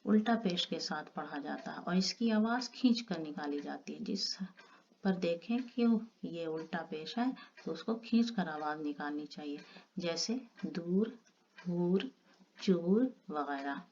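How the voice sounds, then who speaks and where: Slow-spoken woman teaching grammar. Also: low voice, lively intonation. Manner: slow, explains step by step, stretches example words. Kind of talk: Urdu grammar lesson. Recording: dull lo-fi audio with faint noise.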